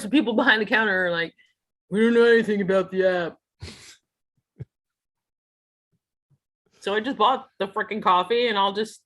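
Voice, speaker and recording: A woman's voice: fairly high pitch, bright, forceful tone. A middle-aged woman musician chatting as a guest in an interview, talkative and laughing often between phrases. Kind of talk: casual interview chat.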